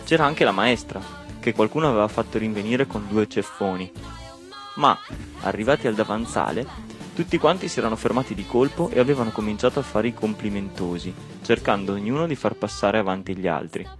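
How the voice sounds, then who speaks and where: Low-voiced man reading a storybook. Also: brisk, faint music behind. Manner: lively, expressive reading. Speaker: audiobook narrator. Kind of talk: scripted storybook narration.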